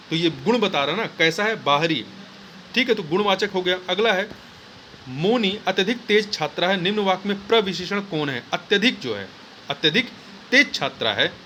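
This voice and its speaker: High-voiced man walking through exam answers. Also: fairly bright tone, slight background noise. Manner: explains step by step, repeats key words, plain teaching tone. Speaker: exam tutor. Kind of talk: exam answer explanation lesson.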